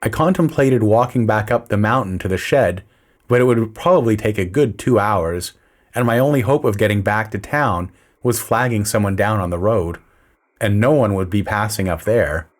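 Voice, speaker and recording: A man narrating a story in the first person, with a dry, measured, low-key delivery.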